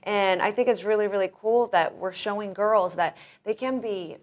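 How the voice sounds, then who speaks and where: A woman's voice: medium pitch, moderate pace. A woman in her thirties, who grew up in Russia, is interviewed as a professional wrestler, speaking enthusiastically and rambling with many restarts. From grew up in Russia, born in Florida. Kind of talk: casual interview.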